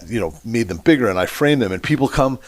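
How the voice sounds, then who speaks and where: A man's voice: mid-range voice, animated, fast talker. A man hosting a podcast in a casual, enthusiastic way, rambling with fillers and restarts. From Canada. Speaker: podcast host. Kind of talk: casual interview chat.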